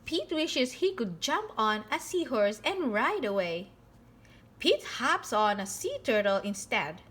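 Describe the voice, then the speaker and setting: A woman reading a picture book aloud to young children in an expressive style, with theatrical emphasis on key words. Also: on the high side, takes it slowly, a little hiss or hum. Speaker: children's storybook reader.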